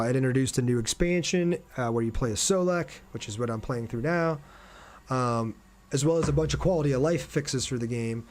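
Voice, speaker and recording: A man with a mid-range, slightly mellow voice hosts a game livestream. He chats casually over gameplay, reading viewer comments aloud and responding to them.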